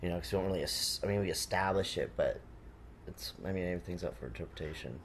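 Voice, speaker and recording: A man with a low voice talks casually as a film co-commentator. He is informal and a little halting. The sound comes from a portable recorder in a living room, with faint background noise. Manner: informal, halting, joking asides. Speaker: filmmaker co-commentator. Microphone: handheld portable recorder in the room. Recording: noisy handheld room recording.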